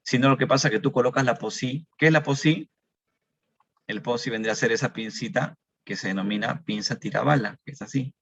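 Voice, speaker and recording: A man's voice: medium pitch, a little fast, fairly bright tone, slightly rough. A man teaching a medical class, explaining step by step, asking questions and answering them himself. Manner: explanatory, repeats key numbers, asks and answers own questions. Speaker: medical lecturer. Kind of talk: recorded medical lecture. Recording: dull dry lecture recording.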